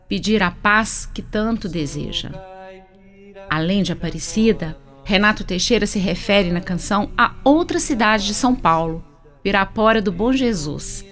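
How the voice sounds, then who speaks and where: A Brazilian woman reads a scripted radio narration at a steady, unhurried pace. Her voice sits at a middle pitch, and a faint bed of music runs quietly underneath. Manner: measured, unhurried reading. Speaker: radio presenter.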